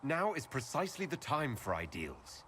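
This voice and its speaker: An actor playing an earnest, principled male hero leader in a video game, measured and sincere. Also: mid-range voice, wildly swooping pitch, a bit bright, a little hiss or hum.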